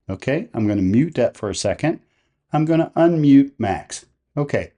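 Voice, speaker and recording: Speaking at a medium pitch, a man presents a software tutorial, laying out each step in a plain, methodical way.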